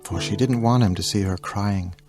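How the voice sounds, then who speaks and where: A man narrating an audiobook in a calm storytelling manner. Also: lowish voice, normal speed, over loud music.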